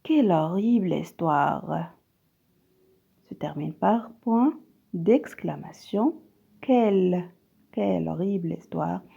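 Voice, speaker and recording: A woman's voice: on the low side, animated, slow pace, vocal fry, long pauses, warm tone, husky, muffled recording. A woman teacher giving a video grammar lesson, switching between French and Arabic and reading example sentences aloud. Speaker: primary school teacher.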